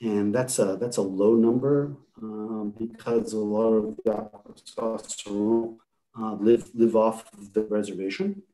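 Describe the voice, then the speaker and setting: Halting man presenting on a video call. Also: on the low side, fairly even intonation, dark tone. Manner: halting, many repeated words and fillers. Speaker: panel speaker.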